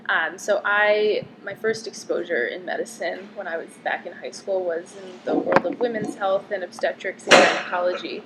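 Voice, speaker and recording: A medical student in her twenties from Connecticut answers interview questions casually and chattily, filling her speech with "um" and "like." Her voice is on the low side and steady, at a normal speed with barely any pauses, over some background noise.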